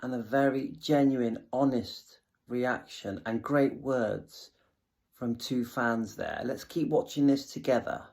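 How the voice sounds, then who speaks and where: A man's voice: mid-range voice, slow pace, darkish tone, slight background noise. A man hosting and giving casual, reflective commentary on archive footage.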